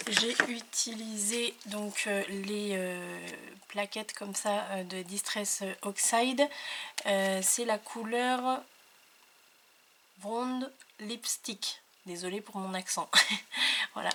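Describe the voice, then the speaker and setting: Give me a woman chatting through a craft show-and-tell, pausing often, with faint background noise. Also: mid-range voice, fairly bright tone. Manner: hesitant, many filler sounds and restarts. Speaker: papercraft video maker.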